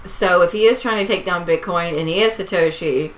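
A woman's voice: lowish voice, brisk, a bit bright, a little hiss or hum, poor audio. A woman on a podcast panel, chatting casually and making blunt, dismissive remarks.

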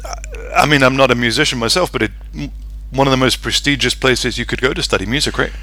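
A man's voice: medium pitch, fast, pushed and bright. A man hosting a podcast interview, asking friendly leading questions. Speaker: podcast host. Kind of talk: casual interview conversation.

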